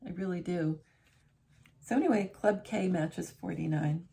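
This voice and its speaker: With a lowish, mellow voice touched by vocal fry, a middle-aged woman vlogs at a measured pace from her living room armchair. She rambles casually to camera, often backing up to rephrase or correct herself.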